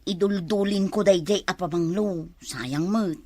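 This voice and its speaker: A woman playing Lorna, a loud nagging wife in a comedy drama who scolds and shouts at her husband. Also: lowish voice, measured pace, no room sound. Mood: sulky. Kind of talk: comedy web drama acting.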